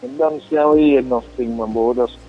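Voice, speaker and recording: A husky man with a Jamaican accent chats in slangy patois on a three-way phone call. The line is thin and tinny, with faint music behind him. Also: mid-range voice, steady tone, fast talker. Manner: casual slangy patois talk.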